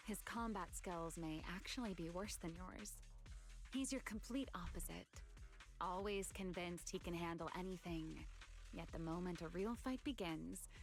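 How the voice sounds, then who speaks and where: A woman with a lowish voice plays a composed, enigmatic fighter and mentor in an anime-style game, speaking unhurriedly in a playful, slightly formal way.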